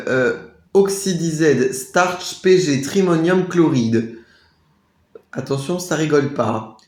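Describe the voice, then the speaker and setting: A man chatting casually through a product haul review, hesitating often and sounding out foreign labels slowly. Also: fairly high pitch, darkish tone. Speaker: vlogger reviewing a shopping haul. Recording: echoey room.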